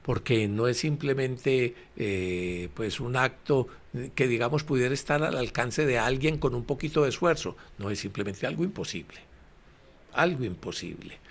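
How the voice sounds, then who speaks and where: A man presenting a Bible commentary in a relaxed, conversational way, explaining slowly with many fillers and repetitions and speaking straight to his listeners. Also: mid-range voice. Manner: addresses listeners directly.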